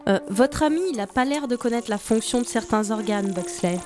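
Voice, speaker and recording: A prickly young woman adventurer snaps at everyone around her, as a woman plays her. Her voice sits a little high, irritable and curt. Clear music runs behind this radio serial. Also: a little fast, close to an everyday voice. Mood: exasperated. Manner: irritable, snappy. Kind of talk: amateur radio serial acting.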